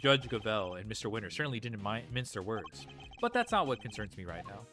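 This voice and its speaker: A man voicing a composed male prosecutor from a game, reading in a measured, formal way. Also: fairly low pitch, very animated, over music, pitched below the performer's own voice. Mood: grave.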